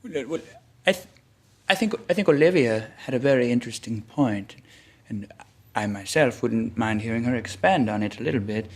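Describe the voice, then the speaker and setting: A man's voice: mid-range voice, animated, normal speed, darkish tone. An actor playing a nervous, awkward shy man who stammers and gets flustered.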